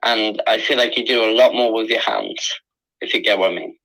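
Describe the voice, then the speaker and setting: Bright-voiced man giving psychic readings. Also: lowish voice, steady tone, gravelly, rough recording. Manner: earnest, repetitive, halting. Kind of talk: unscripted psychic reading, conversational.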